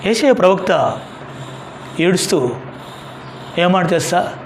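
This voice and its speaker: A man's voice: sits high, sing-song, takes it slowly, slight background noise. A man pastor giving a sermon, preaching emphatically with rhetorical questions and repeated hallelujahs.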